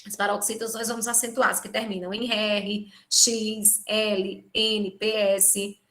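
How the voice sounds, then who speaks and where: In a live video conference from a home or office, a Brazilian Portuguese-accented woman teaches exam prep through a computer mic. Her medium-pitched voice has a sharp tone, little pitch movement, and a slightly slow pace. She explains step by step, checking in with tag questions.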